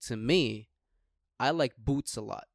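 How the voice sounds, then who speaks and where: A young man talks like a frat bro in casual conversation, with slang and swearing woven through. His voice sits at an ordinary male pitch, and the recording is dry and close. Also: slow pace, vocal fry, dry recording. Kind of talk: casual chat.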